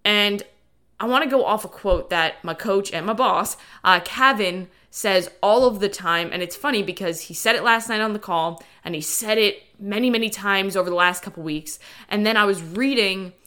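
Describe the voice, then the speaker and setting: Bright, forceful woman podcast host. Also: mid-range voice, normal speed, clear, resonant tone. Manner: informal, lightly sweary, addresses listeners as guys. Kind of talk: casual motivational solo podcast talk. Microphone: dedicated podcast microphone.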